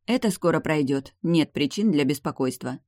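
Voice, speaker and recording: A woman's voice: sits low, animated, normal speed, a little mellow, dry recording. A woman voicing a young vampire heroine who talks curtly and sarcastically, with cold irritation, in a dry-sounding reading.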